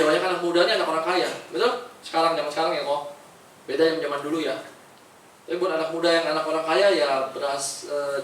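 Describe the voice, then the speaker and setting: Motivational speaker, male, high and bright voice, echoing hall mic. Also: a little hiss or hum. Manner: energetic, keeps asking the crowd "right, friends?"; casual Jakarta slang. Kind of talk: motivational talk to an audience. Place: large echoey event hall. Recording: echoey hall, far-off mic.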